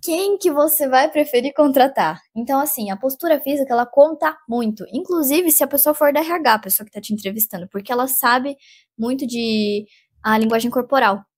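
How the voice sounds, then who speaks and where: A young Brazilian woman with a Brazilian Portuguese accent, chatting casually through advice in a vlog, animated and full of fillers. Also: high voice, brisk, husky. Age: young adult. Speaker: vlogger giving job interview advice.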